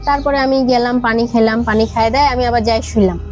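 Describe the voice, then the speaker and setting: As a podcast guest, a young woman with a Bangladeshi accent tells of her own ghost experience in a conversational way. Her fairly high voice is fast, darkish in tone, and fairly even in intonation. The recording is muffled, with background music playing behind her.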